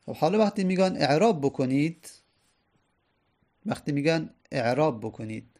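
A man's voice: on the high side, lively intonation, darkish tone. A man teaching an Arabic grammar lesson, explaining each point patiently and repeating it step by step.

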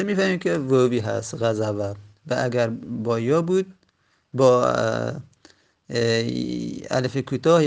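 A man teaching Arabic grammar in a classroom lecture, patient and repeating key points slowly. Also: mid-range voice, gravelly.

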